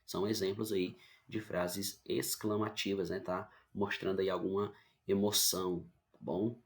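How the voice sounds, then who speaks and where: Brazilian male teacher, low gravelly voice, patient explainer for an online class. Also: level tone, unhurried. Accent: Brazilian Portuguese. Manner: explains patiently, keeps checking with "tá bom?". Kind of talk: online grammar lesson.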